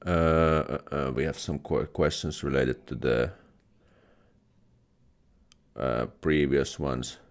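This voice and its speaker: A young Finnish man with a Finnish accent hosts a YouTube live stream, reading comments aloud, laughing things off, and often restarting words. His bass voice is slow and fairly even in intonation, with frequent pauses.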